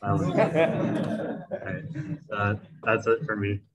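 A man's voice: lowish voice, animated, slow pace, a loud crowd. A young man from the Bay Area giving a joking, laid-back self-introduction to a student club. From San Francisco Bay Area. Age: young adult. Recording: dull lo-fi sound.

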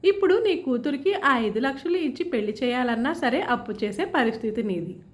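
Shrill, scornful village aunt with a swooping voice, read by a woman narrator. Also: big pitch swings, moderate pace. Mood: angry shouting. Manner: taunting, shouting scornfully. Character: sarcastic, loud-mouthed middle-aged village aunt.

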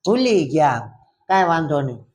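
A storyteller telling a story to young children. The voice sits at a middle pitch, with a faint noise in the background. The storyteller keeps pausing to ask the listeners questions and repeats their answers back. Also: very animated, darkish tone. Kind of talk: interactive storytelling with a child audience.

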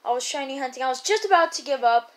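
A woman giving casual gameplay commentary as a YouTuber, rambling and chatty with excited bursts. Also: high voice, fast. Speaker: gaming YouTuber.

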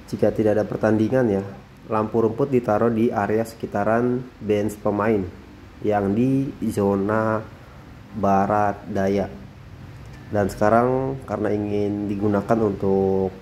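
A man narrating his drone footage as a voice-over, calm and unhurried, often tagging sentences with a soft "ya". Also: on the low side, a little hiss or hum. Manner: calm, repeats phrases, frequent tag "ya". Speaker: drone vlogger.

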